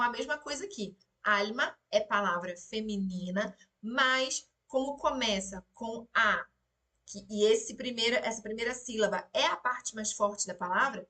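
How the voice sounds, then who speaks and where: A woman gives a relaxed, chatty lesson on the lyrics of a song and keeps checking that her listeners follow. Her voice is bright and sits a bit high. She is recorded on a phone placed some way off. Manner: chatty, explanatory, frequent "né?" and "tá?" check-ins. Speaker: Spanish teacher. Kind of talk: casual live lesson explaining song lyrics. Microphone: phone set a little away from her.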